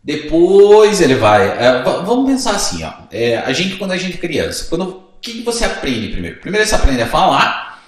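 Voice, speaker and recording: A young Brazilian man teaching in a relaxed, chatty way, his voice lively and rising and falling a lot. He speaks a little high for a man and walks through each step, sometimes playing both student and teacher. The room rings with a strong echo. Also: moderate pace. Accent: Brazilian Portuguese. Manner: chatty, explains step by step and acts out student dialogues. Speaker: English teacher. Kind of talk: casual teaching video. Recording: very echoey room.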